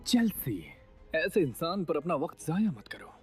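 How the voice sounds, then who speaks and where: A man plays an arrogant rich bully who threatens the poor. His voice is husky yet bright, rising and falling sharply. Faint music plays beneath. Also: on the high side, sing-song, moderate pace, full character voice. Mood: sneering. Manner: sneering, threatening. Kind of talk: Hindi dubbed TV drama acting.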